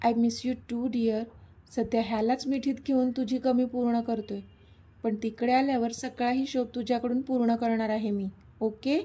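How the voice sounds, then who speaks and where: A woman's voice: a little high, steady tone, moderate pace, warm tone, natural voice. A woman voicing a playful, affectionate young man in a read-aloud story. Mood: soothing. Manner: teasing, easygoing. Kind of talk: storybook reading.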